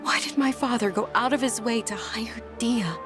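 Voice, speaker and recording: A woman playing a gentle, dutiful young noblewoman, polite and resolute, speaking in a measured way in an anime-style game. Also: on the high side, over music, lightly acted. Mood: thoughtful, probing.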